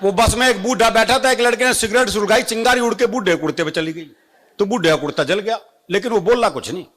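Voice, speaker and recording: A man's voice: high-pitched, fast talker, a bit bright, slight background noise. A man telling a folksy joke, slipping into rustic voices. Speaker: comic storyteller.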